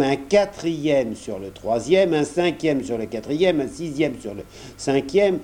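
A man tells a children's fable slowly, with lively rises and falls in his voice. His tone is warm and dark. He stops now and then to speak directly to the young listener and explain things. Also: medium pitch, a little hiss or hum. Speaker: storyteller. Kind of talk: children's story reading.

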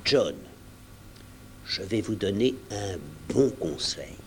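A man voicing an earnest middle-aged doctor who speaks urgently and gravely. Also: lowish voice, animated, slow pace, a little hiss or hum.

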